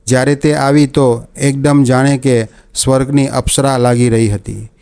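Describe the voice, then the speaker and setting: Male storyteller, mellow low-brightness timbre, calm first-person narration. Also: moderate pace, gravelly, clear, resonant tone.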